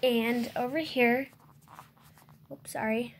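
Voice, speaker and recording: This is a channel host, a young woman with a fairly high, slow voice and fairly even intonation, walking viewers through her toy farm in an off-the-cuff barn tour. Her delivery is halting, full of ums and self-corrections. The close handheld phone recording, made indoors, carries a little hiss or hum.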